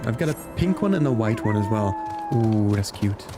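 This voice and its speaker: A man with a lowish, animated voice talks at a normal pace while livestreaming a video game. He chats easily, reacting out loud to the game and to his viewers, with game music playing behind him.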